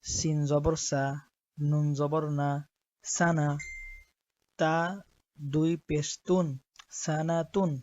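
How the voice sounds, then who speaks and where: Slow, flat-voiced man drilling letters. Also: fairly high pitch, dull audio. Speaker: Quran reading teacher. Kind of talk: slow spelling-out lesson.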